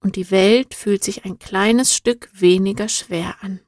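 A woman's voice: medium pitch, fairly even intonation, slow pace, darkish tone, no echo, studio quality, natural voice. A woman voicing a thoughtful young girl in a storybook, speaking in an earnest, searching, heartfelt way. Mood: earnest, wistful.

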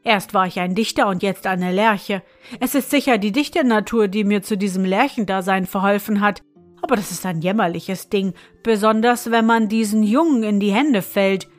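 A woman's voice: medium pitch, normal speed, faint music behind, close to an everyday voice. A woman voicing a self-pitying clerk who has become a lark, speaking in a grumbling way in a storybook reading.

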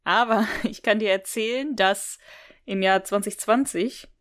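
An easily amused woman co-hosting a podcast chats casually as she recounts and discusses an audio drama episode. Her voice is medium-pitched and her pace unhurried.

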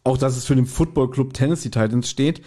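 A podcast host casually retells and reviews an audio drama. His voice sits in the mid range with a dark tone, and he talks fairly quickly.

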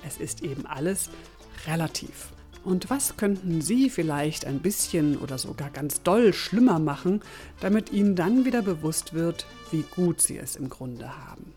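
A woman's voice: low voice, expressive, normal speed, warm tone, soft background music. A woman hosting a motivation podcast, telling a parable as a story and addressing her listeners formally. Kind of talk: storytelling narration and sign-off.

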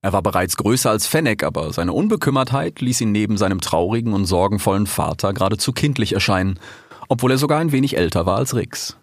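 A man narrating an animal adventure audiobook as an expressive storyteller. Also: lowish voice, fast talker, no echo, studio quality.

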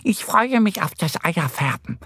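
A man voicing Enny, a cheerful little female duck in a children's storybook, speaking in a bright, delighted way. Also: high voice, very animated, measured pace, slightly rough, no echo, clean studio sound, pitched above the performer's own voice, exaggerated voice. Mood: happy. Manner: bright and enthusiastic.

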